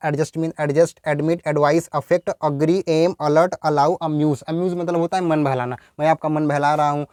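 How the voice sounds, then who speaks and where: A man's voice: a little high, darkish tone, clean tone, no echo, studio quality. A man teaching English grammar in Hindi, repeating words and asking his students rhetorical questions. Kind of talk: Hindi-language grammar lesson.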